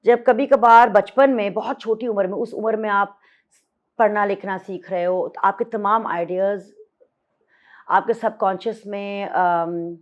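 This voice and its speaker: A woman's voice: medium pitch, fairly even intonation, a little slow. Guest, woman, 50s, mid voice, candid and reflective, code-switching, repeats for emphasis; lo-fi podcast sound. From Pakistan. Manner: reflective, switches between Hindi-Urdu and English, emphatic repetition. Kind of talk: candid interview conversation.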